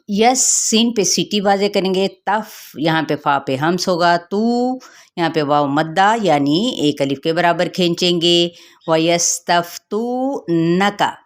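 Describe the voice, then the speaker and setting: A woman with a slightly low voice teaches the rules of Quran recitation. She works through each letter and elongation patiently, one step at a time, like a teacher in a lesson. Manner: slow, drawn-out melodic recitation of verses; patient, step-by-step instructional explaining. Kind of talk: tajweed lesson, recitation then explanation.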